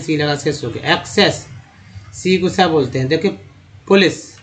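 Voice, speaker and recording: Hindi accented guy teaching english phonics, voice a bit high, says each word part slow and repeats it. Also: poor audio. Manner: sounds out letter groups slowly, repeating words. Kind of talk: slide-based phonics lesson.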